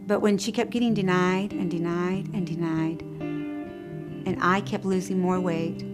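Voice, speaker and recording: A woman interviewed for a documentary, speaking softly and reflectively about a hard time. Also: fairly low pitch, fairly even intonation, a little slow. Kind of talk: emotional personal account. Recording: guitar music underneath.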